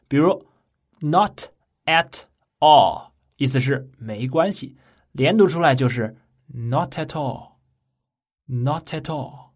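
In a recorded online lesson, a man with a medium-pitched voice teaches English pronunciation. His explanations are playful and colloquial, and he slows down to exaggerate his English examples.

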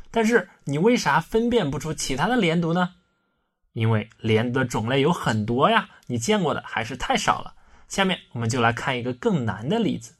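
Playful, slightly high-voiced male teacher. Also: fairly bright tone. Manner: playful, colloquial explaining with slowed, exaggerated English demonstrations. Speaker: English pronunciation teacher. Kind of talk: recorded online lesson.

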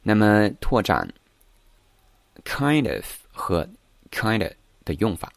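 A man gives a morning English reading lesson in a very low voice. He explains word usage patiently and then reads English lines slowly. The sound is dry and close. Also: sing-song, creaky, dry recording. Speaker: English teacher.

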